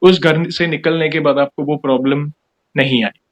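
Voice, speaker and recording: A male host with a slightly raised pitch interviews a guest. He sets out his points one by one in a calm, measured manner. He often answers her with short affirming replies. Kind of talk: interview and spiritual commentary.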